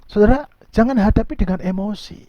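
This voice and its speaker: A man preaching a sermon in a fairly high voice, pressing his points hard and then sinking to quiet low asides. The sound is dry and close, with no room around it. The recording is dull and lo-fi. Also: a little fast, no echo. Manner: emphatic, swinging between soft low asides and high pleading outbursts. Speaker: pastor.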